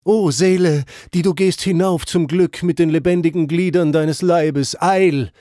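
A man's voice: on the high side, moderate pace, a little mellow, no room sound, studio quality, voice pushed up, lightly acted. A man reading aloud, voicing a crowd of dead sinners' souls who beg urgently to be heard. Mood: pleading. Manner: urgent, beseeching calls.

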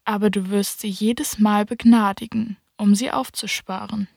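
A woman's voice: mid-range voice, steady tone, normal speed, gravelly, darkish tone, no echo, studio quality. A woman voicing an old, self-important king. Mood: measured. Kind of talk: audiobook character voice.

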